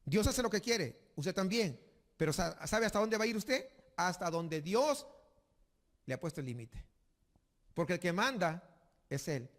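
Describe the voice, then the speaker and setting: High-voiced male pastor preaching in a church. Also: big pitch swings. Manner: emphatic preaching, slows for reading scripture aloud. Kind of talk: sermon. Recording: long church reverb.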